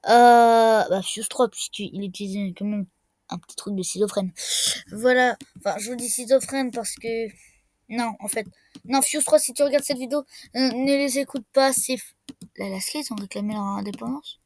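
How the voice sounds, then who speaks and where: A young woman giving casual let's-play commentary as a gaming YouTuber, excitable and cursing, jumping between loud outbursts and muttering to herself. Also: fairly high pitch, normal speed.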